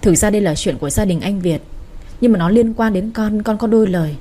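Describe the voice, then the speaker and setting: A woman's voice: mid-range voice, fairly quick, mellow, lightly acted. A woman voicing a polite, composed young sister-in-law who speaks deferentially. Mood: polite calm.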